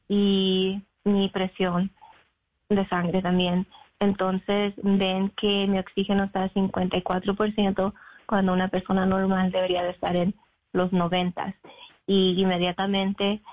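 A young adult woman from Mexico, a guest telling her own story in an interview. She talks haltingly, with many fillers and English words mixed in. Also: mid-range voice. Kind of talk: personal account in an interview. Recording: phone line.

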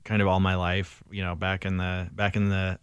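A man's voice: deep voice, completely flat delivery, moderate pace, smooth, dry recording, clean studio sound. A man working as a filmmaker, answering in a thoughtful, casual way. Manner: thoughtful, casual, many fillers. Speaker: filmmaker guest. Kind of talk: interview answer.

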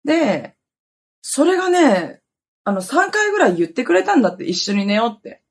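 Husky animated woman telling a story. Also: high-pitched, moderate pace. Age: 30s. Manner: animated, swings from loud exclamations to muttered asides. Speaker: podcast host. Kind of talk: casual storytelling monologue.

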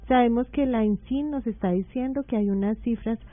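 A woman's voice: fairly high pitch, moderate pace, no room sound, narrow, tinny audio. Formal woman official, dry phone sound. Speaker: government nutrition director, radio guest. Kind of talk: radio interview.

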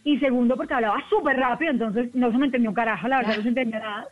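A woman with a softened Colombian coastal accent chats quickly and easily as a guest on a radio show. Her voice comes through a tinny phone line with no room sound around it. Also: fairly high pitch, no room sound, faint music behind. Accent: Colombian coastal Spanish, softened. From Colombian Caribbean coast. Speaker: TV news presenter, guest. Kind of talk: casual radio chat.

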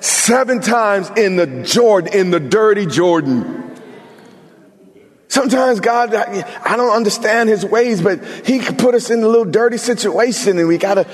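A man's voice: high-pitched, moderate pace. Emphatic preacher man, reverberant hall. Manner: emphatic preacher, talks to the congregation, humor asides. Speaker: pastor. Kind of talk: sermon.

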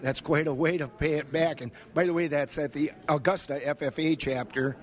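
A man's voice: on the high side, steady tone, normal speed. An American man working as a radio host, conducting an interview. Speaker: radio host and fair reporter.

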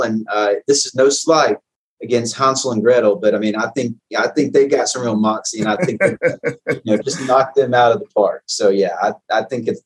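Man, husky, lowish voice, halting, interview guest. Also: low-quality recording. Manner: halting, heavy fillers. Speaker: guest, games organizer. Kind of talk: conversational interview answers.

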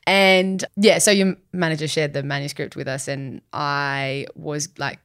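A woman's voice: low voice, steady tone, unhurried, a bit bright, smooth. A woman hosting a podcast interview, chatting casually and praising her guest effusively, with many likes and restarts. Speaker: podcast host.

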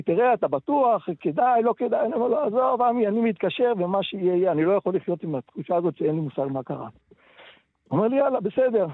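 An older man in his sixties recalls the past as a radio interview guest. He speaks haltingly and retells old conversations with many hesitations, in a slightly high voice. The recording is a thin, dry phone line. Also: slightly rough, no room sound. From Israel, Tel Aviv. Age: 60s. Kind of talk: personal war recollection in a radio interview.

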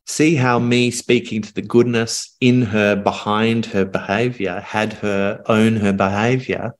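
A middle-aged man coaching a couple on a podcast, speaking in a low voice. He talks calmly and earnestly, leaving pauses as he reaches for his words. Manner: calm, earnest, speaks in reflective phrases with pauses. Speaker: communication coach.

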